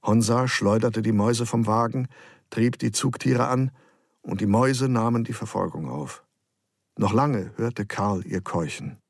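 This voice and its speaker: A man narrating a novel in a calm, measured storytelling manner. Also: on the low side, gravelly, no echo, studio quality. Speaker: audiobook narrator. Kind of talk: scripted narration.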